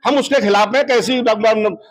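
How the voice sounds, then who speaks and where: A man, a party worker, answering reporters in a measured, defensive way. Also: sits high, poor audio. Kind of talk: press statement to reporters.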